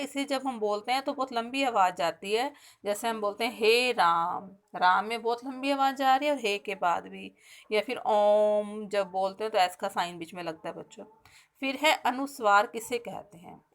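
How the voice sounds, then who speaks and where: A woman teacher giving a recorded grammar lesson to pupils, explaining step by step, asking the class questions and slowing down to spell out sounds and example words. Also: on the high side. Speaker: school teacher.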